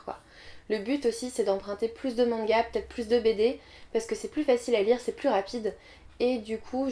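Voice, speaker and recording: A woman's voice: fairly high pitch, warm tone. A young woman vlogging about her reading goals, chatty and candid, with frequent fillers. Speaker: book vlogger. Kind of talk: casual vlog talk to camera.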